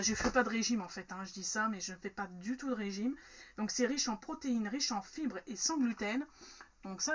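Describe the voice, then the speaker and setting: A woman's voice: on the high side, fairly bright tone, highs cut off, a little hiss or hum. A woman chatting frankly through an unboxing, with many fillers. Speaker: unboxing vlogger. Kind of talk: casual unboxing chat.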